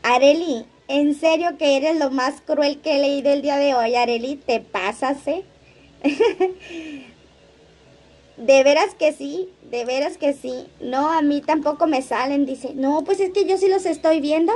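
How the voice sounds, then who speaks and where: Livestream host, woman, high voice, gossipy and playful. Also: unhurried, darkish tone. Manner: chatty, laughs often, reads comments aloud. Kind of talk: casual livestream chat reading comments.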